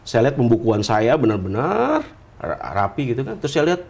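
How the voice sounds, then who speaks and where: Animated businessman telling a story. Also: mid-range voice, fairly quick, gravelly. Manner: animated, acts out quoted voices. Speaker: entrepreneur guest. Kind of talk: storytelling interview talk.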